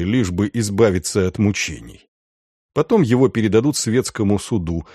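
A man narrating an audiobook in a measured, expressive storytelling manner. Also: mid-range voice, dry recording, clean studio sound.

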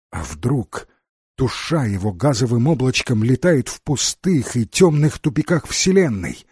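A man narrating an audiobook in an expressive, dramatic reading. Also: medium pitch, slightly rough, dry recording, clean studio sound. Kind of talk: scripted narration.

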